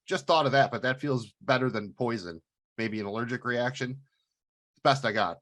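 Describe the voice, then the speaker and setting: A man's voice: mid-range voice, normal speed, a bit bright. Chatty man co-hosting a review podcast. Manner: chatty, hesitant with fillers. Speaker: podcast co-host. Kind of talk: casual review chat.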